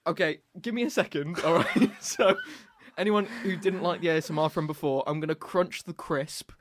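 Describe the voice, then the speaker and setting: A man's voice: on the high side, normal speed, noisy background. A British man co-hosting a casual podcast, running a guessing game with a teasing manner and frequent laughs. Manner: playful, teasing, laughs often. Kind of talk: casual chat.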